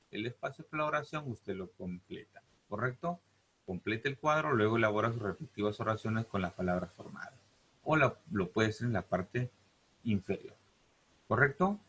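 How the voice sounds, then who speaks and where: Husky low-voiced man teaching a lesson. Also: a bit bright. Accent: Peruvian Spanish. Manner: asks rhetorical checks like "¿correcto?" and "¿te das cuenta?"; stretches out key words slowly. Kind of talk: classroom lesson on Greek roots.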